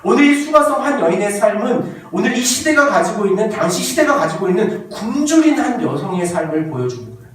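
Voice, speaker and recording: Male pastor, high and lively delivery, sermon, distant mic, very reverberant church hall. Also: brisk, hardly any pauses. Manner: animated, playful storytelling with quoted voices. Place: church sanctuary.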